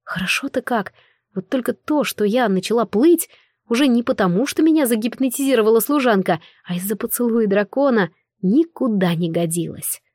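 A woman narrating a first-person fantasy novel in an expressive, storytelling manner. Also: on the high side, normal speed, dry recording, clean studio sound. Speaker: audiobook narrator.

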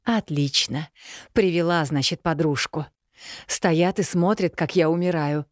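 A woman's voice: sits low, measured pace, dry recording, studio quality. A woman voicing a spiteful old witch who talks with sneering, gloating scorn. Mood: scornful.

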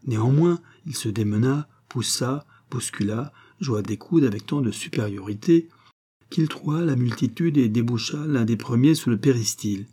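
A man narrates a novel in a measured, expressive reading. His voice is dark, mellow and a little husky. He holds a steady pitch. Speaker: audiobook reader.

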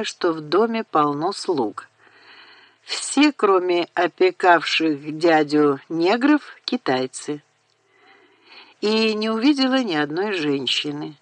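A woman narrating an audiobook in a measured, unhurried way, recorded on a close studio mic. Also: on the low side, no room sound.

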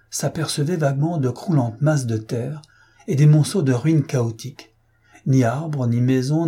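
Dark, husky male audiobook narrator. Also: medium pitch. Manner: measured, dramatic storytelling. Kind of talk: scripted literary narration.

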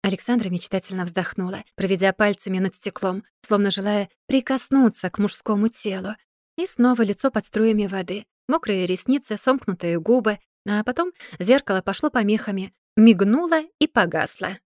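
A woman narrating a fairy-tale story in a calm, measured reading. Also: mid-range voice, no room sound, studio quality. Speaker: audiobook narrator.

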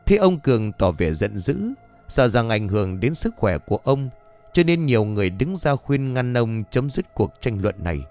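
A man's voice: medium pitch, very animated, normal speed, a little mellow, clean tone, soft background music. A man reading a ghost story aloud with dramatic expression.

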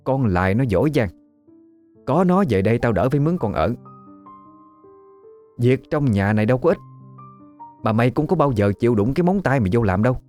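A man's voice: low-pitched, lively intonation, normal speed, long pauses, dark tone, soft background music. A man voicing a scheming, domineering older village woman in a spoken ghost story. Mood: scolding.

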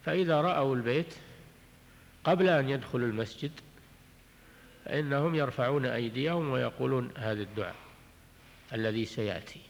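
A man teaching a religious text in a measured way, often repeating and restarting his phrases and clearing his throat. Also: medium pitch. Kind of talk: recorded lecture explaining jurisprudence. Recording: long hall reverb on an old tape.

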